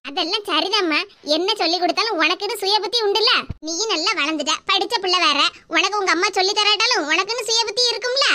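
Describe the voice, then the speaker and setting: A woman's voice: very high voice, fast, sharp tone. A woman voicing a stern older aunt in a cartoon, lecturing in a Kanyakumari Tamil accent. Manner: scolding, lecturing. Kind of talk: animated cartoon voice acting.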